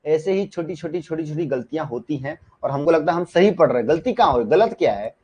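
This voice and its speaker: This shorthand teacher, leading a live online session, has a somewhat high, darkish, slightly rough voice and talks fast and animatedly. He's loose and conversational, repeating points and asking students if they're keeping up, all in dull lo-fi sound.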